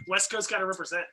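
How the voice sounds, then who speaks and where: A man's voice: sits high, bright, forceful tone, slight background noise, rough recording. A man co-hosting a beer festival stream in casual chat, joking and laughing easily.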